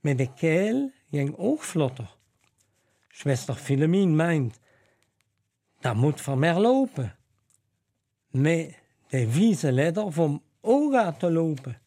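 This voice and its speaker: A man's voice: fairly high pitch, very animated, takes it slowly, pauses often, mellow. A man, telling a humorous story in a leisurely, dry way as presenter. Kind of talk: dialect storytelling.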